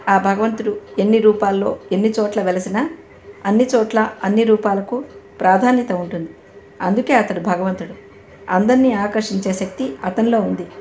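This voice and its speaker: Calm woman narrating an audio novel. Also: mid-range voice. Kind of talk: scripted narration. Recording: echoey room, faint background noise.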